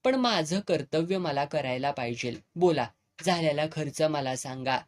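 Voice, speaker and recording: A narrator speaks as a respectful young man, earnest and polite, with a lilt. His voice stays mid-pitched and plain. It is told like a storybook. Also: animated, unhurried, close to an everyday voice.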